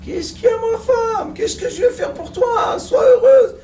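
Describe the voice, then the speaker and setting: A man doing a high, shouting fisherman husband. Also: expressive, a little slow, slight background noise. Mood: pleading. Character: excitable middle-aged fisherman husband, eager to please. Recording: echoey room, mic far off.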